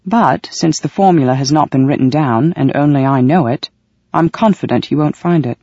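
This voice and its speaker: A reader voicing a calm, calculating male official with a wry, measured way of talking, in an audiobook. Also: fairly high pitch, no echo, muffled recording. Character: cool, calculating male official, dryly amused. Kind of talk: audiobook reading.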